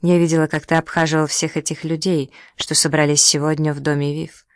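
An audiobook reader voicing a proud, sharp-tongued young woman who speaks with sarcasm and indignation. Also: sits low, level tone, fairly quick, no echo, studio quality. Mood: sarcastic. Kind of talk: audiobook dialogue.

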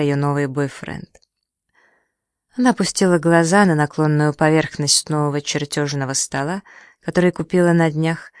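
A narrator reads a novel in a measured, even way. The pitch sits in the middle of the range. The recording is dry and close, with no room sound. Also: no room sound. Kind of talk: audiobook narration.

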